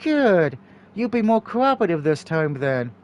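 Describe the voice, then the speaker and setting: Male reader as quick-tempered jailer woman for a story game: commanding, cold, blunt, high-pitched. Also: sing-song. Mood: cold, irritated. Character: stern, quick-tempered female prison interrogator. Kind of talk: visual novel dialogue read aloud.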